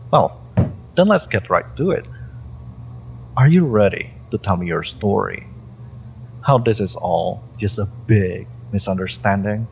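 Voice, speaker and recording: A man plays a sinister, inhuman interrogator, a mind-reading monster who mocks and menaces the listener in a dramatic audio roleplay monologue. His voice is slow, deep and creaky, fully in character, with theatrical, taunting delivery, drawn-out phrasing, pauses and whispers. The audio is poor, with slight background noise.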